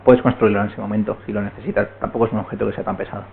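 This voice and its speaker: A man's voice: on the low side, fairly even intonation, racing, creaky. A man giving a technical talk at a meetup, explaining step by step and often checking in with the room. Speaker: meetup speaker. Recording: tinny, phone-like recording.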